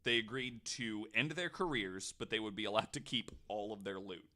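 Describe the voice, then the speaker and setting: Hosting a podcast, a man tells a researched story in a casual, informal style full of jokey asides and swearing. His voice is on the low side with a sharp tone, at a moderate pace.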